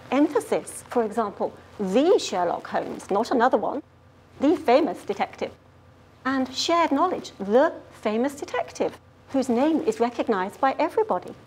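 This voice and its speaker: A woman playing an earnest lady grammar detective who explains rules clearly and patiently. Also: a little high, a little mellow. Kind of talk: scripted grammar lesson skit.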